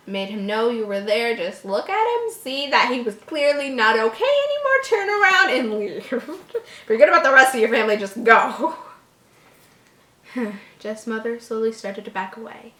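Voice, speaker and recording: Pitched on the high side, her voice comes out pushed and bright as she reads a horror story informally. She stumbles over the text and drops in joking, incredulous remarks, all captured in a roomy, echoing home recording.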